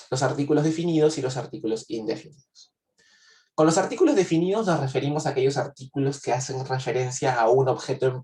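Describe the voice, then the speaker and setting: A man teaches a language lesson in a patient, methodical way, stopping to repeat points and ask if everyone follows. His voice sits in a middle pitch. It sounds picked up from a little way off in an echoing room. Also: warm tone, far from the mic. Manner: patient, repeats and checks understanding. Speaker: French teacher.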